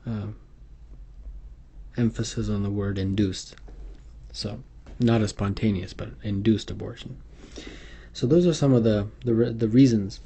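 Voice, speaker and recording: A man's voice: on the low side, steady tone, measured pace, dark tone, slightly rough. A man giving an unscripted medical exam tutorial over slides, hesitant and full of fillers and restarts. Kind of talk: unscripted instructional lecture.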